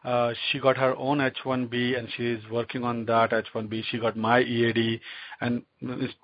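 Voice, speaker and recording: A man calling in and explaining his question in a polite, halting way. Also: mid-range voice, completely flat delivery. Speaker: caller. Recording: dull phone call.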